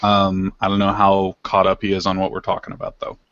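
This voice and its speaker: A man's voice: sits low, completely flat delivery, brisk, fairly bright tone, no room sound. A man hosting a casual podcast discussion, speaking hesitantly as he searches for words, on a dull lo-fi recording. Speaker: podcast host. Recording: dull lo-fi, dry.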